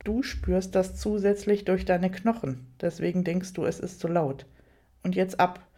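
A woman playing a teasing adult man giving orders, firm and commanding with a playful edge, and a mellow, warm tone. he sounds sure of himself in this audiobook scene. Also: fairly low pitch, fairly even intonation, a little slow. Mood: stern. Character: stern, teasing adult male lover. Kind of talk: audiobook reading.

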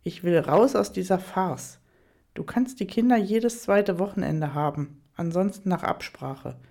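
A composed, sharp-tongued wife who has had enough, read by a woman. She speaks dryly and sarcastically in a low, mellow voice. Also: measured pace, creaky. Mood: sarcastic.

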